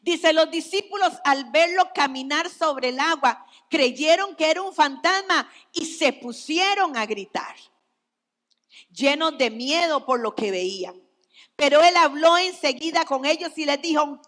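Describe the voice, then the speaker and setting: Slow, bright-voiced woman preaching. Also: sits high, big-room sound. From Costa Rica. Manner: slow, emphatic preaching with dramatic drops to near whispers. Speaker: pastor. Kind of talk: sermon. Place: church.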